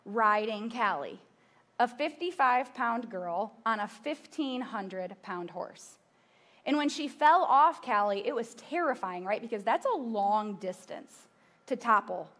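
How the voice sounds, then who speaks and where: A woman's voice: fairly high pitch, expressive, a little slow, a bit bright. Woman preaching with a chatty storytelling lilt. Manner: conversational storytelling with asides to the audience. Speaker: pastor. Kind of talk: sermon. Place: large church stage.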